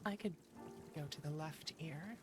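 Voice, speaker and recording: A woman streamer, a virtual YouTuber, chats casually with her viewers in a low, measured voice, playfully teasing them and reacting animatedly to chat. Background music plays throughout.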